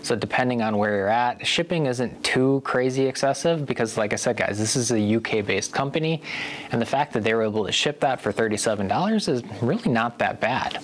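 A man in his thirties from the USA, relaxed and chatty, reviewing home gym equipment to camera and calling his viewers guys. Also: medium pitch, brisk. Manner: relaxed and conversational, keeps addressing viewers as guys. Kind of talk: casual product review to camera.

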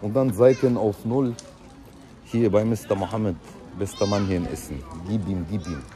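This is casual vlog narration by a man in his thirties, filmed on a handheld camera at arm's length in a hair salon and on a city street. He sounds mellow and lowish, talks at a normal speed, and chats and jokes with viewers.

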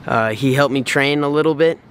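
A young man, a friend in a vlog, talking casually and excitably. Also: mid-range voice, a little fast, clean tone.

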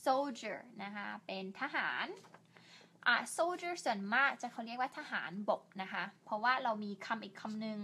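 A woman's voice: a little high, expressive, sharp tone, breathy edge. A young woman teaching an English lesson, drawing out each English word and chatting in a friendly, self-deprecating way. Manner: slow, drawn-out English words with repeated Thai polite particles; chatty and self-deprecating, asks viewers for help. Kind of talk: bilingual online English lesson.

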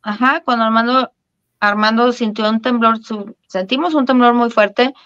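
A middle-aged woman with a Mexican accent, telling her story as an interview guest, animated and full of restarts. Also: a little high, moderate pace, clear, resonant tone, muffled recording. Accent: Mexican Spanish. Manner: animated, many restarts and fillers, laughs at her own story.

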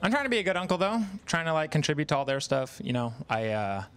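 Brief: stand-up comic in his thirties, slightly high voice, chatty and self-mocking. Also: big pitch swings, fast, fairly bright tone, clean tone. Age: 30s. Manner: chatty, self-deprecating, acts out quoted voices. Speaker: stand-up comedian. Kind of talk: stand-up comedy set. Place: live comedy venue with audience.

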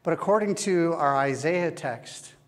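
Slow-preaching pastor, man, echoing church. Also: on the high side, expressive. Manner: slow, measured preaching with long pauses. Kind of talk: sermon. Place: church sanctuary. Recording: long church hall reverb.

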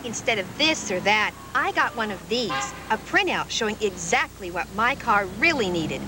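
An actress playing a friendly middle-aged car-service customer in a TV commercial testimonial. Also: female voice, mid-range voice, very animated, moderate pace, background noise, lightly acted. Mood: satisfied.

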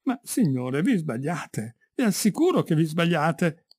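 A man's voice: medium pitch, huge pitch swings, measured pace, a little mellow, slightly rough, dry recording, clean studio sound, full character voice. A man voicing a frightened, tearful young wife who pleads with a stranger. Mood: pleading. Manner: pleading, trembling.

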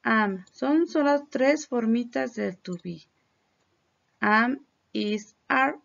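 A woman's voice: on the high side, gravelly, lo-fi sound. A woman from Mexico with a Mexican accent, teaching English in a recorded lesson, explaining patiently in Spanish and modeling English words for her students to repeat. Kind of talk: recorded classroom lesson on slides.

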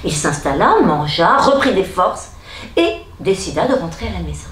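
A woman storyteller telling a fairy tale to children at a library event, slow and dramatic, speaking to the children directly. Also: lowish voice, very animated, slight background noise. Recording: echoey room with faint ambience.

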